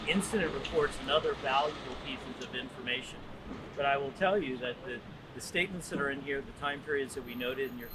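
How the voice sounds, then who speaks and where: Male attorney, mid-range voice, deliberate answers with fillers, noisy press conference recording. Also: medium pitch. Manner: measured, deliberate, with frequent fillers.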